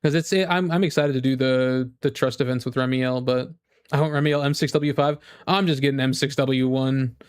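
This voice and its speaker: A game streamer chats casually with viewers in a smooth, steady, mid-range voice at normal speed. He rants like a fan, pushing strong opinions while rambling, repeating phrases, and saying "like" a lot.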